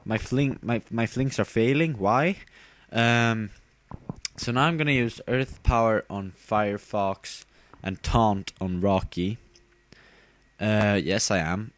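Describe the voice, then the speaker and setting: Speaking slowly in a fairly low voice, a weary young man comments on his game battle in a loose, rambling way, full of fillers and self-amused giggles.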